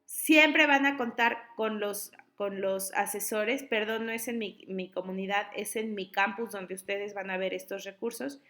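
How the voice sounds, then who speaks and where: A woman, an online high school tutor patiently explaining spelling to her students. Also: measured pace, hardly any pauses, bright, forceful tone.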